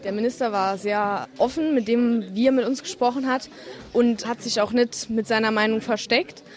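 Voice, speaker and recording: Young woman giving a quick vox pop. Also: on the high side, steady tone.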